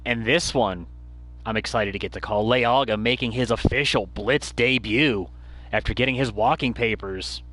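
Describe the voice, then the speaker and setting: A man's voice: medium pitch, normal speed, fairly bright tone. A man working as a wrestling commentator, calling play-by-play in clipped, punchy phrases. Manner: clipped, punchy move-by-move calls.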